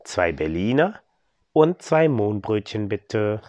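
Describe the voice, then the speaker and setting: A man's voice: fairly low pitch, very animated, slow pace, a little mellow, no room sound, dull audio. A man voicing a cheerful, enthusiastic father buying bread in a bedtime story.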